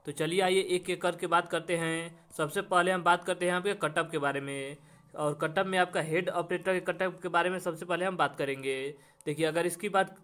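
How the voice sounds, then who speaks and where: A man with a high, somewhat bright voice hosts a coaching channel, giving an explanatory exam update presentation. He walks through the exam information step by step, addressing students directly and repeating himself.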